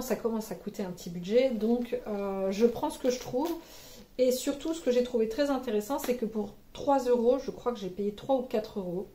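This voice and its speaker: A woman's voice: fairly high pitch, dark tone. A woman, a mother giving casual advice in a vlog, chatty and hesitant with many fillers. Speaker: parent vlogger sharing kids' activity ideas.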